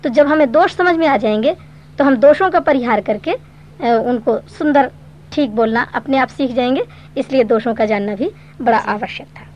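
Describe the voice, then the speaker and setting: A woman teaching a Sanskrit grammar lesson, explaining patiently step by step and reciting verse slowly. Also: sits high, darkish tone, slight background noise. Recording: dull lo-fi recording.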